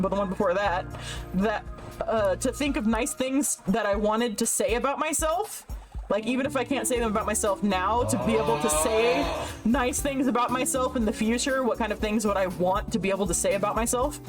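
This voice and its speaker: Rambly giggly streamer lady at her desk, kinda high voice, music going in the back. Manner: rambling, chatty, laughs often. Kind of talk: casual live-stream chat. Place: at home desk.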